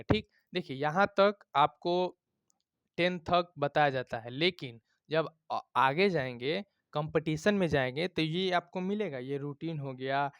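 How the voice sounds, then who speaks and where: A man's voice: on the high side, smooth, no echo. A man teaching a grammar lesson, checking in often with his students and explaining with everyday examples.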